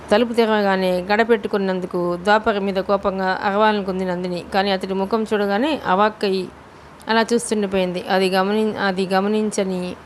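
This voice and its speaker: A woman narrating a novel as an audiobook reader, in a steady storytelling manner. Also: mid-range voice, slight background noise. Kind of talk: novel reading.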